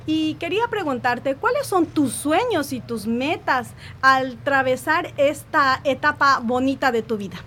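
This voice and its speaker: High woman co-host, formal radio interview, faint background noise. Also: lively intonation, unhurried, few pauses, sharp tone. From Ecuador.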